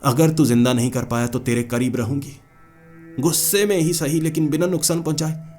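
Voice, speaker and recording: A man's voice: a little high, brisk, darkish tone, faint music behind, voice pushed up, lightly acted. A man voicing a clingy old witch spirit. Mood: tearful. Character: cursed 78-year-old female witch spirit, clingy and hot-tempered.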